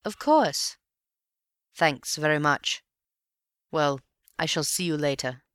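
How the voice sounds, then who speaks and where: A woman reading a polite, reserved gentleman. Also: deep voice, slow pace, clear, resonant tone, no echo, clean studio sound.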